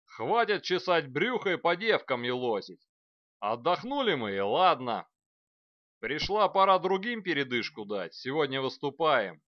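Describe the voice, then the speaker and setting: Male reader doing a gruff mercenary commander for an audiobook, loud parade-ground shouting, dry and slightly dull sound. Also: a little high, very animated, unhurried, no room sound, voice pushed up. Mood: shouting orders. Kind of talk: audiobook character voice.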